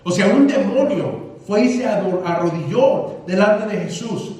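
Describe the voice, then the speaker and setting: A man's voice: sits high, animated, measured pace, a little mellow. A man preaching a sermon as pastor, using emphatic repetition and calling the congregation brothers. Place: church sanctuary. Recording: echoey church hall, mic at a distance.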